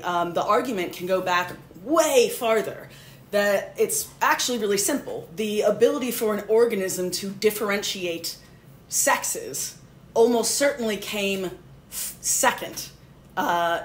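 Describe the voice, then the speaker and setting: A woman's voice: medium pitch, a little slow. A woman biologist as a podcast guest, explaining at length with dry sarcasm and fillers. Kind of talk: casual explanatory interview. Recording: roomy echo, faint noise.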